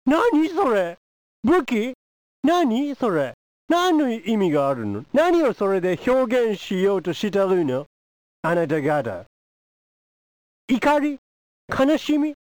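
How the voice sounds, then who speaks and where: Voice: mid-range voice, big pitch swings, slow, pauses often, a little mellow, dry recording. A comedian performing a pushy, teasing foreign envoy who badgers the audience with questions in a comic monologue. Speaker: stand-up comedian.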